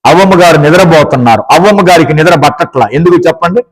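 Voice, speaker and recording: A man's voice: on the high side, expressive, rapid-fire, poor audio. A man preaching a sermon, asking the congregation questions, repeating phrases for emphasis and urging them to praise aloud. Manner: urges the audience to praise aloud. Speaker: pastor.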